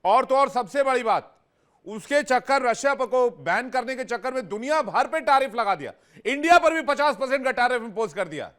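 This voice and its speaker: High-voiced clear male news anchor. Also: animated, fairly bright tone. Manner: brisk, conversational, uses folksy idioms. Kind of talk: news debate hosting.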